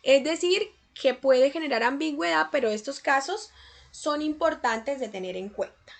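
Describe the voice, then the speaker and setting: A woman with a high voice and a gravelly edge narrates a scripted English grammar lesson, her clear. She explains patiently and slows right down to sound out each English example sentence with care. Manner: slow, careful enunciation of English example sentences. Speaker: English teacher.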